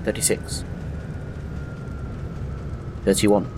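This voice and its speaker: A man's voice: drawn-out words, very noisy. A man making clipped automated countdown callouts, one number at a time. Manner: clipped single-number calls.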